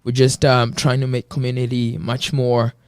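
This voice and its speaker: A man's voice: medium pitch, flat delivery, normal speed, a little mellow, smooth, no echo. 20s guy from kenya, personal trainer, talks earnest with lots of ums, mid voice, dry close sound. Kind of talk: casual interview.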